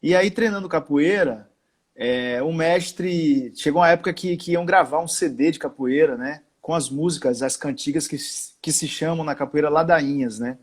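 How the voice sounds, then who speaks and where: A man from Salvador, a guest on a live-stream interview from home, talking in a relaxed, slangy way. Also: on the high side, normal speed. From Salvador, Bahia, Brazil. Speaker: actor guest. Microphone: video call.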